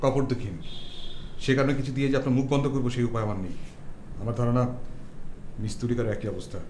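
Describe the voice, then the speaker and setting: An actor playing a poor, idealistic writer tenant who speaks in formal, earnest, pleading phrases. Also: male voice, medium pitch, fast, a little mellow, echoey room, a little hiss or hum, natural voice. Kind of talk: TV drama acting.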